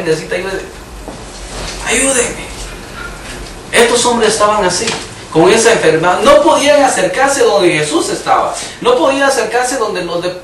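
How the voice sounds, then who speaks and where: In a church hall, a man with a high, somewhat bright voice preaches an emphatic sermon, occasionally raising his voice for quoted cries. The room is echoey, the mic is far off, and there's slight background noise.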